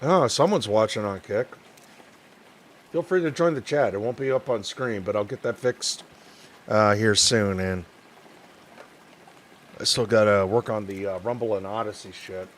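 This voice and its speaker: A young man streaming a point-and-click game, chatting with his viewers in a tired, low-key, rambling way and reading game dialogue aloud in his own voice. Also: normal speed, pauses often, a little hiss or hum.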